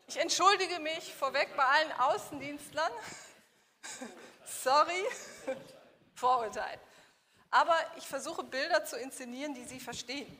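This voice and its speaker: A woman with a high, bright voice teaches a body-language workshop to a live audience. She keeps firing questions at the room and acting out examples. Her voice rings in a large hall with a long reverb. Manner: animated, asks the audience questions and acts out examples.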